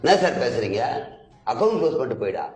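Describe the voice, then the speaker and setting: A man's voice: mid-range voice, very animated, a little mellow. A man arguing as an indignant bank customer in a comedic sketch, firing off questions. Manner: argumentative, indignant, rapid-fire questioning. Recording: echoey room with faint music.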